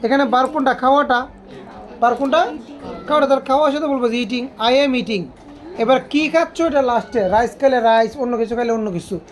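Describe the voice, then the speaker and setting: Woman teacher, high-pitched, drills the class with repeated questions. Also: a little fast. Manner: asks students repeated questions. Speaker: English teacher. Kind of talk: classroom grammar lesson.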